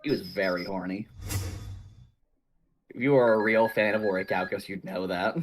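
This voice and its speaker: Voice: sits low, fairly even intonation, normal speed, background noise. A player in a card game, talking casually and sarcastically with friends, given to mock despair. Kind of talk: casual gaming chat.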